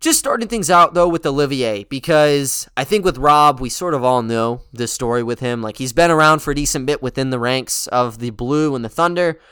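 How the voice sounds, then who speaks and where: A man's voice: medium pitch, moderate pace, hardly any pauses, a bit bright, smooth, no echo, clean studio sound. A man hosting a sports podcast, giving casual, conversational basketball commentary. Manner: conversational, informal.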